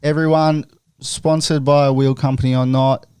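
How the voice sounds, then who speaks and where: A young man hosting a laid-back podcast, his voice smooth and resonant at an ordinary middle pitch. He rambles along with plenty of fillers, and the recording sounds close and dry. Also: flat delivery, normal speed, darkish tone, dry recording. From Australia. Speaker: podcast host. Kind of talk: casual chat.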